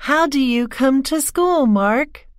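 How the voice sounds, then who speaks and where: A friendly schoolteacher, read by a woman, for a language-course recording. She speaks high and slow, every word clear and careful. The sound is dry and close. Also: lively intonation, no echo. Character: friendly new female schoolteacher. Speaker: teacher in a listening exercise. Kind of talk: slow scripted textbook dialogue.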